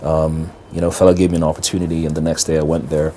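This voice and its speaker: A middle-aged man, telling a personal story in an interview as a lively storyteller who acts out the dialogue. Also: very deep voice, racing, slight background noise. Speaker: interview guest, business strategist and motivational speaker.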